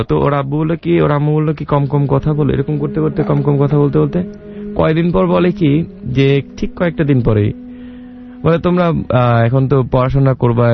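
A man's voice: medium pitch, gravelly, muffled recording, slight background noise. A young man telling a long personal story in a rambling way, acting out the dialogue as he goes. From Bangladesh. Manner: rambling, with many restarts and quoted dialogue.

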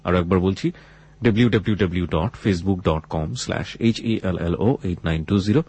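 A man with a Bangladeshi accent hosts late-night radio in a low, husky voice. He speaks deliberately and philosophically, dropping English phrases into his talk as he addresses listeners. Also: darkish tone. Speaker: radio host. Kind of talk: late-night life-story talk show hosting.

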